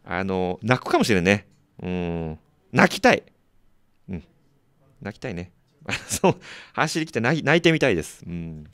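A man's voice: low-pitched, lively intonation, fairly bright tone, clear, resonant tone, no echo. A man hosting a community radio show, reading listener mail in a chatty, joking way with frequent laughter. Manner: chatty, laughing often, quick asides to listeners.

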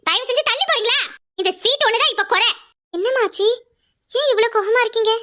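Cartoon bride's mom voiced by a woman, squeaky high, begging and near tears, kanyakumari tamil accent. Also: fast, sharp tone. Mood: pleading. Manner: emotional, pleading, often on the edge of tears. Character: pleading tearful middle-aged mother of the bride. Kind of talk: cartoon voice acting.

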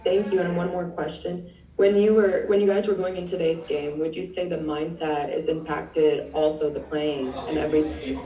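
A woman's voice: sits low, level tone, normal speed, lo-fi sound, a crowd in the background. A woman reporter asking earnest, slightly tangled questions at a press conference. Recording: distant echoey remote audio.

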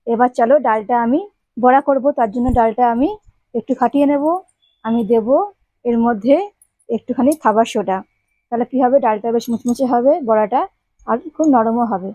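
A woman's voice: a little high, moderate pace, pauses often, dark tone, no echo, muffled recording. Chatty woman hosting a home cooking show. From Bengal. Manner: chatty, addresses viewers directly step by step. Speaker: home cooking channel host. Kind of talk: casual cooking demonstration.

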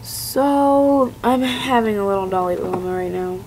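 A woman's voice: medium pitch, normal speed, darkish tone, slight background noise, rough recording. A young woman in her late teens with a stuffy, congested voice from a cold, ranting to camera in a rambling, exasperated way. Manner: rambling, filler-heavy, exasperated. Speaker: vlogger.

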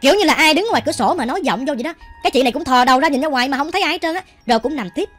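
A woman with a Southern Vietnamese accent tells a ghost story at a racing pace. Her voice is high and chatty, and she keeps speaking to her listeners directly. Soft music plays faintly behind her. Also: expressive, racing. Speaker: storytelling channel host. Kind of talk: ghost story narration while cooking.

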